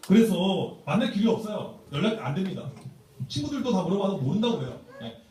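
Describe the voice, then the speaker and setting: A pastor tells stories with lively, rising and falling pitch and a slightly high voice, playful and humorous as he addresses church teachers. His tone is dark and mellow. The sound booms around a large church sanctuary, picked up from a distance. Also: fast. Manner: storytelling, playful, acts out quotes. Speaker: pastor giving a teacher seminar. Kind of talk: humorous church seminar talk. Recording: echoey church hall from far off.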